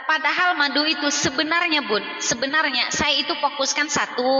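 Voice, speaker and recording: A woman's voice: sits high, sharp tone. A woman preacher, giving an informal, chatty sermon to mothers, teasing and scolding as she goes. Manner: chatty, teasing and scolding, mixes in regional words. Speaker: female Islamic preacher. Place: hall with mothers present. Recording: echoey hall, dull lo-fi sound.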